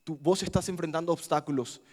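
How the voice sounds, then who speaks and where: A man with an Argentine accent preaching a camp sermon, swinging between loud dramatic outbursts and hushed, quiet pleading. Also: on the high side, steady tone, fairly quick. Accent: Argentine Spanish. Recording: long hall reverb.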